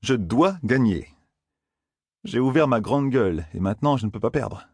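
A man doing a reckless young gambler, weak on his feet but stubborn, with a raised, husky, dry storybook voice. He sounds boastful and stubborn, and his pitch swings widely. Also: animated, moderate pace, darkish tone, no room sound. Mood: determined.

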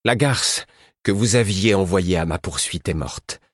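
A man's voice: deep voice, a little slow, slightly rough, dry recording, clean studio sound. A man reading an audiobook voices a fierce mother threatening her enemies, menacing and at times coaxing. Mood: defiant threat. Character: fierce mother beekeeper woman, defiant and threatening. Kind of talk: audiobook character voice.

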